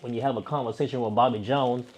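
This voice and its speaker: A man's voice: medium pitch, steady tone, quick pace, a little mellow. A man chatting casually to his viewers in a loose, rambling way, often checking in with "right?". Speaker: vlogger. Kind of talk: casual chat to camera.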